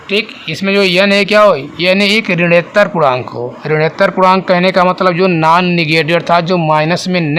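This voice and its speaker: High-voiced man teaching a math class. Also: bright, forceful tone, a little hiss or hum. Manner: asks the class questions and answers them himself; repeats and rephrases definitions slowly. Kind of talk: classroom lesson explanation.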